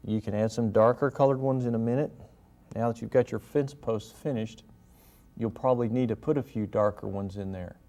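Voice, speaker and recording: A man giving a gentle, folksy painting lesson, talking casually and step by step as he demonstrates. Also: on the low side, steady tone, a little fast. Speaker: painting instructor and show host.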